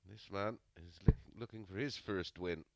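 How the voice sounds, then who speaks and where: A man's voice: low voice, moderate pace, dry recording. A man giving live sports commentary on a darts match.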